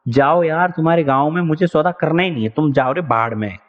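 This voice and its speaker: Teacher putting on a loud, flustered elephant keeper, shouty storybook voice, dull echoey room. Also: male voice, fairly high pitch, a little fast, voice pushed up, lightly acted. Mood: exasperated. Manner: shouting, exasperated.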